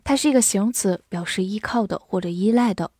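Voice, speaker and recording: Her mid-range voice is darkish and a bit rough as this woman, a native Chinese speaker, teaches English vocabulary. She spells each word letter by letter with patience and reads example sentences slowly, and the recording is dry and studio quality.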